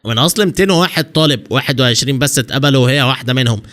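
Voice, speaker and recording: Rapid Egyptian-accented male narrator. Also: medium pitch, a bit bright. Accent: Egyptian Arabic. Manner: rapid storytelling. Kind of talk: scripted anime recap narration.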